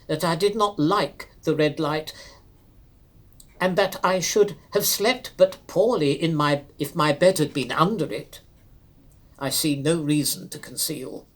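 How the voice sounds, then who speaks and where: A man with a fairly high-pitched voice reads a classic literary story aloud. His delivery is measured, formal, and expressive, in a dramatic reading style.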